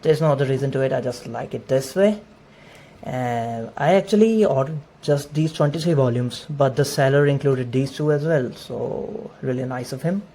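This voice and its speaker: A man speaking English as a second language gives a relaxed, friendly tour of his manga collection, sprinkling in Japanese terms. His voice sits in the mid range, and faint noise from the room hangs in the background.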